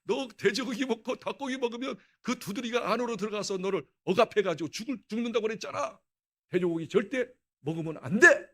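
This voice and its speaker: Brief: man doing a middle-aged mother, gruff, curt, scolding, pitched up. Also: a little fast, close to an everyday voice. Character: blunt, foul-mouthed scolding mother.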